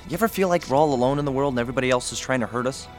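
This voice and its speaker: A male actor playing an anxious, excitable boy on the run in an audio drama, with a hesitant, stammering manner. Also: medium pitch, very fast, faint music behind, close to an everyday voice. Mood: uneasy.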